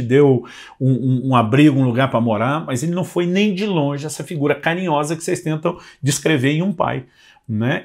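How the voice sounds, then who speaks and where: A Brazilian man preaches a sermon as if he were chatting with his congregation, his voice sitting a little on the high side. He tells a story and slips into the voices of the people in it, tagging on small questions as he goes. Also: slightly rough. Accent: Brazilian Portuguese. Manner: conversational, frequent tag question "né", acts out dialogue. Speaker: pastor.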